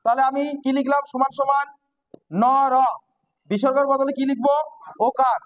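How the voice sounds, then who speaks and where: A man's voice: very high voice, flat delivery, normal speed, poor audio. A man with a Bengali accent teaching grammar to students, who keeps checking whether they understand.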